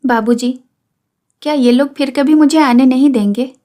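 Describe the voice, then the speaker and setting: A woman voicing a sad young married daughter who pleads softly with her father in a storybook reading. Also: sits high, moderate pace, lightly acted. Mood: pleading.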